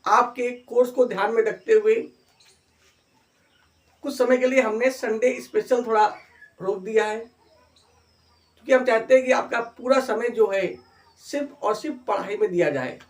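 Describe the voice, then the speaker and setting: A middle-aged man teaching an English grammar lesson, encouraging students and drawing out example phrases slowly. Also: high-pitched.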